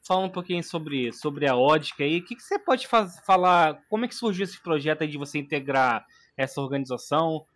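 Male podcast interviewer, casual, halting, slightly high voice. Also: expressive, fairly bright tone. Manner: casual, hesitant with restarts.

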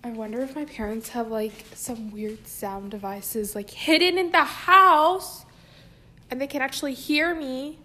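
A woman's voice: sits high, unhurried, sharp tone. A woman hosting her own podcast at home, chatting casually in a playful, giggly, self-mocking way while walking around the house. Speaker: podcast host. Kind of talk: casual solo podcast chat.

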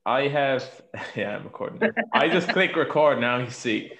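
A man's voice: medium pitch, animated, normal speed, vocal fry, over a noisy crowd. A man with an Irish accent hosting a podcast in casual, colloquial chat with plenty of swearing. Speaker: podcast host.

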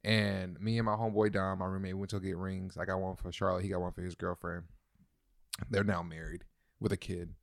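A young man in his twenties chatting casually as co-host, telling a slangy, animated story. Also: deep voice, gravelly, no room sound, clean studio sound. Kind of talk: casual chat.

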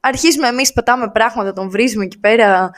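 A woman guest on a podcast, telling a story in casual chat and acting out the quoted lines with lively energy. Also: fairly high pitch.

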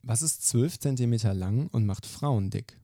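A man hosting a podcast, firing off quick questions in a lively, brisk way. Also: mid-range voice, no echo, clean studio sound. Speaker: podcast host. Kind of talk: quick-fire question interview.

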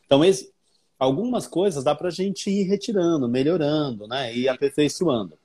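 A man's voice: on the high side, moderate pace, warm tone. A man from Brazil, a guest English teacher, explaining patiently with many examples. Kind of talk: explanatory conversation.

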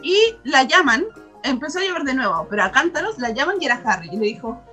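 A woman's voice: high-pitched, quick pace, faint music behind. A young woman with a Chilean accent, retelling a story to friends in casual, slangy, laughing chat. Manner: lively, slangy, laughing often.

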